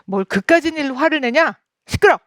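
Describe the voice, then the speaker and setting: A woman's voice: high voice, animated, a little fast, fairly bright tone, no room sound, clean studio sound, voice pushed up. Woman playing a snapping, scolding mother. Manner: harsh, snapping. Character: stern scolding mother who snaps at her child.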